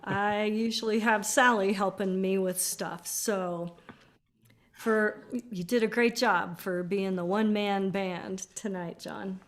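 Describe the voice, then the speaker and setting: A woman folk singer chatting before her song in a soft, hesitant way that trails off. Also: medium pitch, fairly even intonation, slow. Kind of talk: casual chat before a song. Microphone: video call. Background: acoustic guitar.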